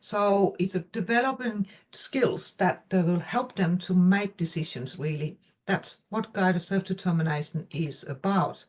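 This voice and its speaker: With a fairly low-pitched voice, a woman professor gives a research seminar talk over video call. Danish is her first language and her accent shows it, and her delivery is halting, full of pauses and fillers.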